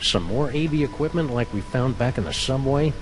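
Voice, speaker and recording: An actor playing a folksy, wordy dog detective with a wry deadpan manner in a cartoon game. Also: male voice, medium pitch, brisk, natural voice. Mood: curious.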